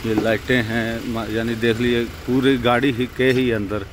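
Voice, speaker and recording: A man's voice: medium pitch, flat delivery, moderate pace, background noise. A young man vlogging casually at night by a roadside, showing things to the viewer on a handheld phone. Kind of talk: casual vlog narration.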